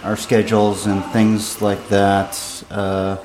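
A middle-aged man giving casual interview answers in a halting, understated way. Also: on the low side, monotone, roomy sound, background noise. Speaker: amateur triathlete being interviewed.

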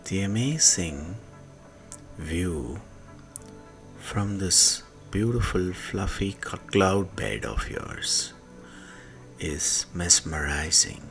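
A man with an extremely deep voice leads a sleep meditation at a very slow pace, hushed yet animated, with long pauses and gravelly fry in his lowest notes. His phrases often trail off into breath, and soft music plays behind him.

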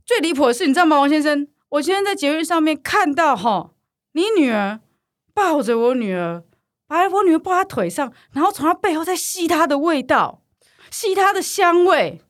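A woman with a Taiwanese Mandarin accent, imitating a furious middle-aged mother who scolds and accuses in a shrill voice. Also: animated, moderate pace, lightly acted. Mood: accusing.

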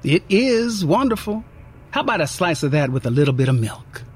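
A man's voice: on the high side, very animated, moderate pace, husky. A man voicing a friendly young woman diner waitress with a faint Southern twang, chatty and teasing. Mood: conspiratorial.

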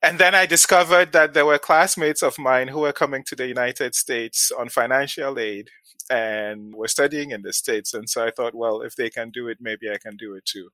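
A Ghanaian venture capital investor in his forties speaks as a guest in a casual interview, often repeating words as he starts a thought and laughing lightly. His medium-pitched voice is sharp in tone, with fairly even intonation and normal speed. There is no echo.

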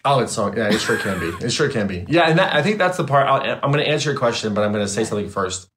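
A man, a trauma therapist and guest, talking in a casual, animated and emphatic way, swearing freely. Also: mid-range voice, fast. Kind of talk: casual interview chat.

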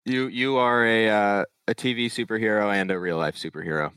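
A man's voice: lowish voice, fairly quick, fairly bright tone, clean tone. A man hosting a podcast interview, asking friendly, admiring questions. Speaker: podcast host. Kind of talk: interview chat.

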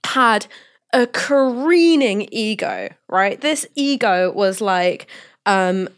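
A woman co-hosting a casual panel discussion, telling stories in an animated, candid way. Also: medium pitch, takes it slowly. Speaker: co-host.

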